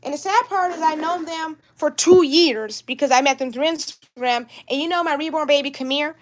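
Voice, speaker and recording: Brief: young woman, high voice, upset rambling livestream vlogger. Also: normal speed. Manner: upset, rambling, repeats herself. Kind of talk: livestream vlog talk.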